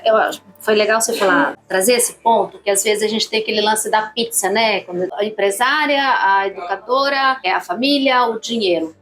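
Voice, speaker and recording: A woman hosting a conversational interview, lively and chatty, inviting viewers in. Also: medium pitch, normal speed, hardly any pauses, faint music behind. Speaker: host.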